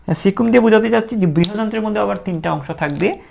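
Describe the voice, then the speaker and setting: A man with a strongly gravelly voice gives a biology lesson to students. He drills terms by repeating them, asks questions and answers them himself, and voices the questions students might ask. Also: high-pitched, rapid-fire, a little hiss or hum. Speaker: teacher. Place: recorded for an online lecture.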